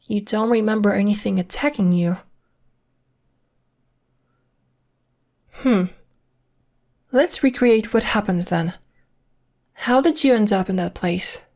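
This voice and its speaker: A woman voices a young werewolf in an ASMR roleplay, a character who is secretive, polite and protective. Her natural, medium-pitched voice has a darkish tone, and she speaks in a measured, hesitant, matter-of-fact way, sounding calm and questioning.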